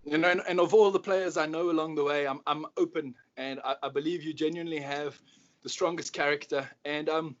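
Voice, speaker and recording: Speaking as a football coach, this South African man interviews casually, warmly encouraging the guest with matey enthusiasm and calling him "bro." His pitch is on the high side, his tone steady and his delivery fairly quick, captured in a dull lo-fi recording with noticeable noise.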